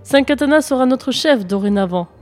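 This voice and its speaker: A woman's voice: sits high, lively intonation, a little fast, a little mellow, soft background music, pitched above the performer's own voice. A woman voicing a crowd of rescued villagers, chanting exultantly in a storybook reading. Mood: jubilant.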